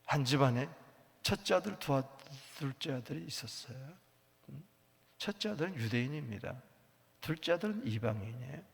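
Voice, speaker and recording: 회중에게 응답을 청하며 조용한 말과 큰 외침을 오가는 남성 목사의 설교. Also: male voice, medium pitch, lively intonation, normal speed, creaky. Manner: emphatic, swings from quiet asides to loud quoted outbursts; calls for congregation responses. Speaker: pastor. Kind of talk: sermon. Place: church sanctuary. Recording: church hall with long reverb.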